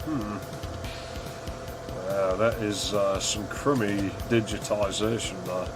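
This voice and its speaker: This gaming video host speaks slowly in a lowish voice with fairly even intonation. He plays through a game giving relaxed, understated commentary and musing aloud, while loud game music and sound effects fill the background.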